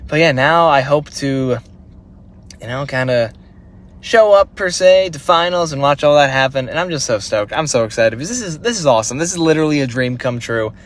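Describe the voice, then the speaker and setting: A young man vlogging casually, excited and rambling with many fillers. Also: mid-range voice. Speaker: vlogger, fitness coach. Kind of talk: casual vlog talk.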